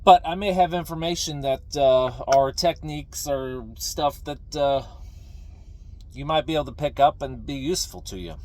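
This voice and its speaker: A middle-aged man talking casually and ramblingly to viewers, folksy and opinionated, halting and repeating phrases for emphasis. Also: on the high side, darkish tone. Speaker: video creator, veteran pipe smoker. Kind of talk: casual rambling talk to camera.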